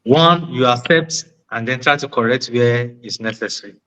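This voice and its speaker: A man's voice: mid-range voice, normal speed, bright, forceful tone, low-quality recording. A man with a West African accent gives conversational relationship advice, repeating key words for emphasis and posing rhetorical questions. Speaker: panel discussion participant.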